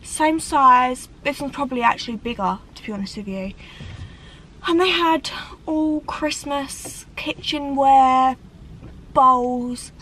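Chatty high-voiced woman in a car. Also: slight background noise, poor audio. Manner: chatty, animated with hand gestures, dramatic sighs. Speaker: vlogger. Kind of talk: casual chat to camera. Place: parked car on a rainy day. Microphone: camera on the dashboard.

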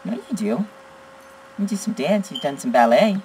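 A teenage boy giving excitable gameplay commentary as a gaming channel host, blurting exclamations and teasing. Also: high-pitched, moderate pace, vocal fry, heavy background noise. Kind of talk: live gameplay commentary with chat.

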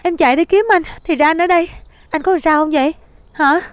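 A woman's voice: extremely high pitch, quick pace, slight background noise. An actress with a Southern Vietnamese accent playing a panicky young wife who stammers and frets over her husband. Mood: frantic. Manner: frantic, stammering repeats. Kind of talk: comedy film acting.

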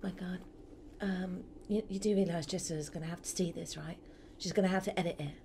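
A woman voicing a nervous, prickly young woman who talks low, quiet and tense in a comedic gaming role-play. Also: fairly even intonation, brisk, a little hiss or hum, lightly acted.

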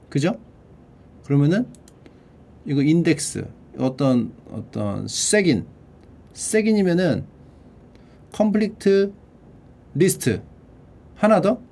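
A man's voice: fairly high pitch, lively intonation, a little mellow. A man streaming casually, playfully sounding out English vocabulary and translating it. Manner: playful, drawls out English words slowly and repeats them; mutters and swears under his breath. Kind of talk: casual livestream vocabulary study.

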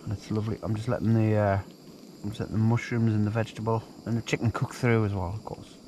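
A man's voice: lowish voice, little pitch movement, fast talker, dark tone, a little hiss or hum. A man chatting casually and joking as he cooks and shows gear at a wild camp outdoors at night. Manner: chatty, joking, rambling asides. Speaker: outdoor vlogger. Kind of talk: casual outdoor cooking vlog.

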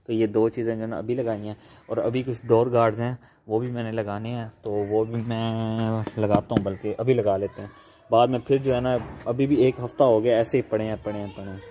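A man's voice: lowish voice, flat delivery, fairly quick, dark tone, slight background noise. A young man with a Pakistani Punjabi accent, narrating a casual home vlog while working on a car and directing his family. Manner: chatty, directing family members. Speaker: vlogger. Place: outdoors at a house gate by a car.

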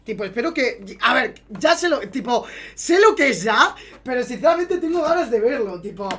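A man's voice: very high-pitched, very animated, normal speed, a bit bright, breathy edge. A young man with a Spain Spanish accent, a gaming YouTuber gushing through an unboxing in slangy casual chat. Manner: gushing, repeats exclamations, slangy. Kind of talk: excited unboxing vlog.

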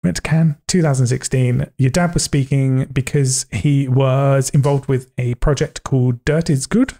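A man's voice: mid-range voice, steady tone, normal speed, dark tone. A young man hosting a podcast interview, rambling, joking and cutting himself off mid-sentence. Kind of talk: casual conversational interview.

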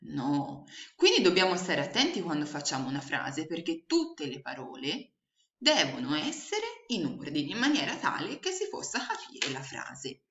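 A woman teaching young children online, slowly and patiently sounding out letters and syllables. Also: deep voice, huge pitch swings, a bit bright. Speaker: primary school teacher. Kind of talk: remote lesson for young children. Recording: echoey room, dull lo-fi sound.

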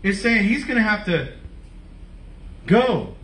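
A male pastor preaching a lively, conversational sermon with casual slang and direct questions to the congregation. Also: high voice, slow, distant mic. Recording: echoey room, voice from off-mic.

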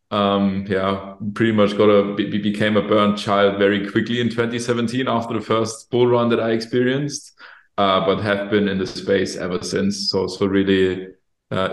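Speaking with a German accent, this guest is a company executive from Germany, aged somewhere between his late twenties and early thirties, with a lowish voice. He fields interview questions casually and tends to repeat words while collecting his thoughts. The clip comes from a video call over a webcam in a plain-walled office room, with noticeable room echo.

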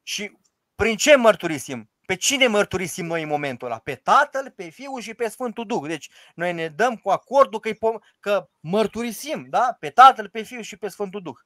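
Male priest, high-pitched, dry close mic; emphatic, rhetorical teacher who recites prayers. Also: lively intonation, sharp tone, no room sound. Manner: emphatic and rhetorical, quotes the liturgy aloud. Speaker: Orthodox priest. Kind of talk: informal teaching discussion.

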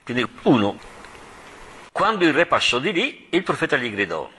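Bright-voiced chatty Italian priest. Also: male voice, mid-range voice, very animated, moderate pace, breathy edge. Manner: chatty, laughing asides, retelling scripture with dramatic quotes. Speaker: parish priest teaching the Bible. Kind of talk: informal Bible lesson.

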